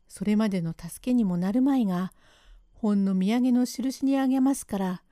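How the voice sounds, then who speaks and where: A woman voicing a gentle, formal and quiet-spoken gentleman in a rakugo storytelling reading. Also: fairly high pitch, no echo, clean studio sound, natural voice. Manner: formal, polite, quiet-voiced. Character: gentle, soft-spoken gentleman, courteous and modest.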